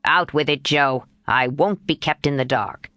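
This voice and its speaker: A woman reading an audiobook voicing a gruff, abrupt old gentleman in a lowered voice. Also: a little slow, no room sound. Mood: stern.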